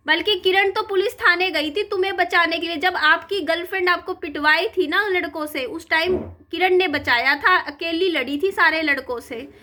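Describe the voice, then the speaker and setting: Young woman vlogging, high bright voice, fired up and chatty. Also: a little hiss or hum. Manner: animated, indignant retelling with rhetorical questions. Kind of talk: casual storytelling vlog.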